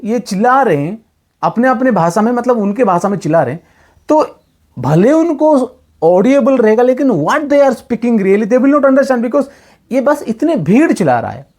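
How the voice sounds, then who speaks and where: Native Odia man, Bible teacher, emphatic and animated, keeps asking rhetorical questions. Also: high-pitched. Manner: emphatic, rhetorical questions, mixes English phrases. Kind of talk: argumentative Bible talk.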